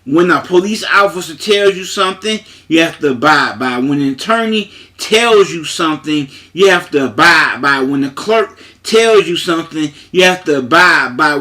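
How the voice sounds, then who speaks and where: A man talks in a loose, emphatic monologue, circling back to the same points and leaning on fillers. His voice sits high for a man and has a bright, forceful edge. He speaks with a way of talking. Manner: repetitive, emphatic, conversational with frequent fillers. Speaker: paralegal. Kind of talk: casual monologue to camera.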